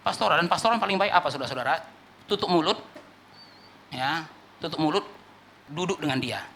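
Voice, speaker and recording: A man, a pastor, preaching a sermon. He asks rhetorical questions and moves between loud, emphatic peaks and quiet asides. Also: on the high side, animated, a little fast, a little hiss or hum. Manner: preaching with rhetorical questions, acting out people he quotes.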